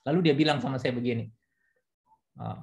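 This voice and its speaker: A man's voice: mid-range voice, fairly quick, creaky, a little mellow, dull audio. A man, a pastor and counselor, talking casually on a church talk show and telling a counseling story with many fillers.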